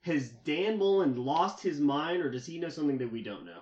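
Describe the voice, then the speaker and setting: A man's voice: on the high side, expressive, a little fast, a little mellow, echoey room, dull audio. A man hosting an amateur sports podcast, steering topics with blunt, profane opinions. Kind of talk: casual sports chat.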